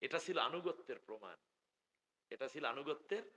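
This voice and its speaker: A middle-aged man with a Bangladeshi Bengali accent, preaching loudly through a stage microphone at a public gathering, joking with the crowd and drawing out his call phrases. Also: a little high, expressive. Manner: loud, joking, drawn-out chanting of call phrases. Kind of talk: live sermon with crowd call-and-response. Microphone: stage microphone through loudspeakers.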